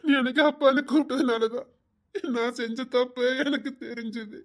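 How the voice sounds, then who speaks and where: A man's voice: very high voice, normal speed, darkish tone. A sobbing remorseful father. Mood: anguished. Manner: sobbing, pleading, breaking into tearful laughs. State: crying. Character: grieving father pleading with his daughter. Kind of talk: TV serial acting.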